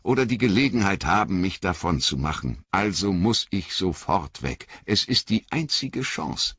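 A man voicing Frodo, a weary but resolute young male hobbit, gentle and firm in an audiobook reading. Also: deep voice, big pitch swings, moderate pace, breathy edge, dry recording, lo-fi sound, pitched above the performer's own voice, full character voice. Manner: gentle, firm, fatherly toward companion.

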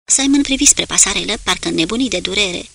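A woman narrating a war novel audiobook in a measured, dramatic reading. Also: medium pitch, animated, gravelly, pushed and bright, breathy edge, dry recording.

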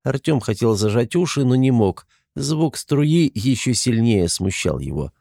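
A man narrating an audiobook in an even, unhurried way. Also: mid-range voice, gravelly, no echo, clean studio sound.

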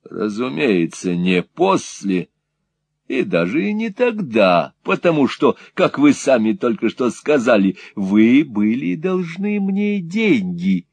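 A man's voice: mid-range voice, sing-song, slow pace, a little mellow, breathy edge, no echo, voice pushed up, heavily acted. A man voicing a hard-hearted moneylender in his sixties, curt, cold and scornful, in a dry close recording. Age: 60s.

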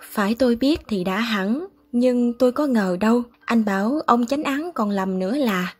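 A woman reading aloud voices a calm elderly gentleman who speaks in a measured, gently wry way, with a husky voice. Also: fairly high pitch, soft background music.

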